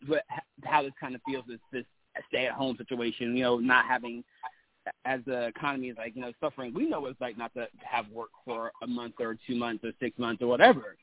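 A man's voice: medium pitch, level tone, fairly quick. A man hosting a casual interview, talking in a rambling way with many restarts and fillers. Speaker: host. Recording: tinny phone-like line.

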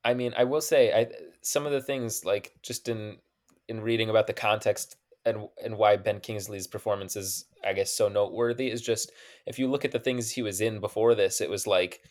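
A man's voice: lowish voice, steady tone, normal speed, a little mellow. A young man co-hosting a podcast, chatting casually about a film, peppering his talk with "like". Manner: chatty, frequent "like" fillers, laughs easily. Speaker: podcast co-host.

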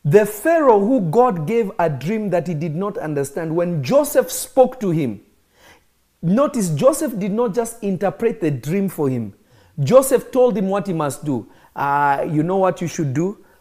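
With a high, sing-song, mellow voice and a slightly slow pace, a man from Kenya preaches to an online audience in a live-streamed sermon. His delivery is emphatic, repeating phrases for effect.

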